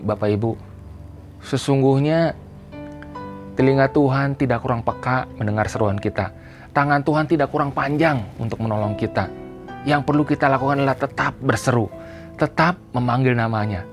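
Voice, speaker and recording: A man preaching a sermon to a church congregation. He speaks emphatically, addresses them directly, and builds to loud, repeated cries. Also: mid-range voice. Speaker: pastor. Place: church service.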